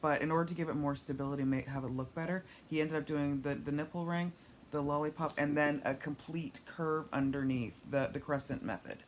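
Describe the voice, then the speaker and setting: A woman's voice: sits low, fairly even intonation, fairly quick, slight background noise. Woman weak and sore after surgery. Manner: rambling, candid, wry. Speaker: patient vlogger recovering from surgery. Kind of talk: casual personal video diary. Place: at home. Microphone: tablet held overhead while lying down.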